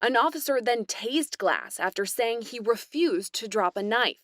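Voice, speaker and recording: A woman narrating a news report in a measured, neutral scripted voice-over. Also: fairly high pitch, animated, crowd noise. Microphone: studio voice-over mic.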